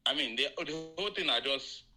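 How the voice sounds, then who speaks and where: A man calling into a live audio show over a conference call line that cuts in and out, talking in halting bursts with emphatic questions. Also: medium pitch, lively intonation, bright, forceful tone, faint music behind. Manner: halting, restarts often, rising emphatic questions. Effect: heard over a conference call line, audio cutting in and out. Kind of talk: casual call-in opinion.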